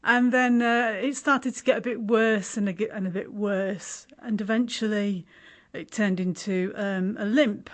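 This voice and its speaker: A woman's voice: mid-range voice, steady tone, unhurried. A woman in her forties from West Yorkshire with a slight Yorkshire accent, a guest talking in a casual interview with wry, self-mocking humour. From West Yorkshire, England. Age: 40s.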